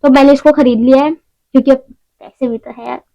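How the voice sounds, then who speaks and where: A woman's voice: high voice, fairly even intonation, brisk, creaky, dull audio. A young woman talking casually through a beauty haul at home, chatty and rambling with self-mocking asides. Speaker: beauty vlogger. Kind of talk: casual shopping haul vlog.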